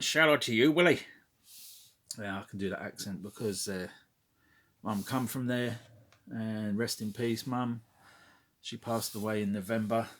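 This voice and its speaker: A man with a fairly low voice talks about his collection in a loose, unscripted vlog. He rambles, fills gaps with "uh", and swears casually, and he comes across as frank and conversational. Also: a bit bright. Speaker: toy collector vlogger.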